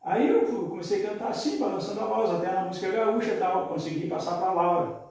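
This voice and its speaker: This middle-aged man, a radio announcer and singer, has a high, fast, slightly mellow voice. He tells rambling, folksy anecdotes in a casual podcast conversation, recorded in an echoey room with the mic at a distance.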